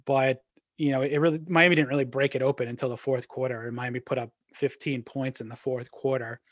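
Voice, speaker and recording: A man's voice: medium pitch, level tone, fairly quick, no echo, studio quality. A man co-hosting a casual sports podcast, rambling through game talk with lots of fillers and restarts. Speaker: podcast co-host.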